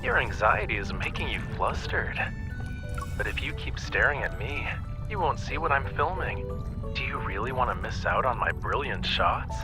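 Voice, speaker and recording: A man's voice: medium pitch, sing-song, normal speed, over music, lightly acted. Rafayel, teasing young sea god played by a man. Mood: teasing, reassuring. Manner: playful, teasing. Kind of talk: romantic game voice acting.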